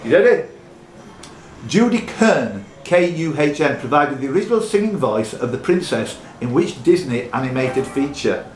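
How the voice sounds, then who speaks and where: A quiz host, a man with a voice on the high side, runs a live pub quiz, reading questions at normal speed in a very animated way and tossing in jokey, teasing, chatty asides. He's indoors in a pub, with a roomy echo, faint music behind, and slight background noise.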